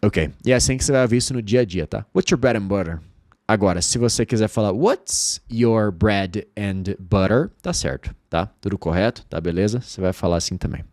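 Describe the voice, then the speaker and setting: A Brazilian man teaching English online, drilling phrases slowly word by word with animated emphasis. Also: lowish voice, dry recording, studio quality. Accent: Brazilian Portuguese.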